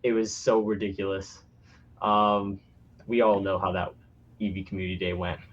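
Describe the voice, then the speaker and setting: A man's voice: sits low, flat delivery, normal speed, slight background noise. A man chatting casually on a podcast in a hesitant, noncommittal way, often trailing off. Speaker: podcast panelist. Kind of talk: casual chat. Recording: dull lo-fi voice chat.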